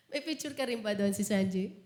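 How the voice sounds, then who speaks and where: A woman's voice: mid-range voice, darkish tone. A woman preaching a sermon to a congregation, mixing in personal stories and laughing at them. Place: church. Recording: echoey church hall.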